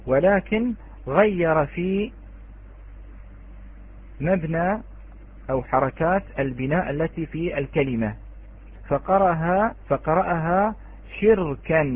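A man teaching Quranic readings to his students, his voice husky and set a little high. He goes slowly and repeats each key word. The sound is thin and tinny, like a phone call. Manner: slow, repeats key words, addresses students directly. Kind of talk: online lesson on Quranic readings.

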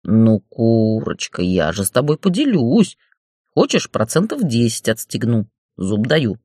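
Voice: medium pitch, big pitch swings, a little slow, dark tone, no room sound, clean studio sound, voice pushed down. A narrator voicing a crude, foul-mouthed middle-aged male boss who bullies and mocks in an audiobook. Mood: wheedling. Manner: bullying, swearing, mocking. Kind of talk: audiobook character voice.

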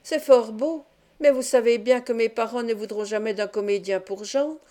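A woman's voice: a little high, normal speed, dark tone, close to an everyday voice. A woman reading the part of an anxious, devout young woman, worried and pleading, for an audiobook.

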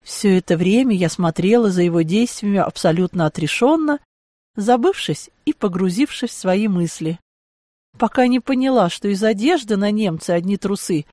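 A woman reading a first-person audiobook in a lively, ironic storytelling manner. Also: mid-range voice, moderate pace, dry recording, clean studio sound. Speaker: audiobook narrator.

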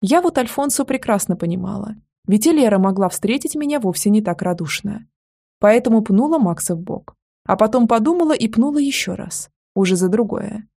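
Woman, audiobook narration, expressive, gravelly, mid pitch. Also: a little fast. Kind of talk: first-person audiobook narration.

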